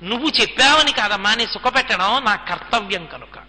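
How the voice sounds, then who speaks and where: A man's voice: sits high, expressive, brisk, bright, forceful tone, heavily acted. Guy voicing a devoted young wife arguing her case, earnest, long echo. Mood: fervent. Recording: long hall reverb.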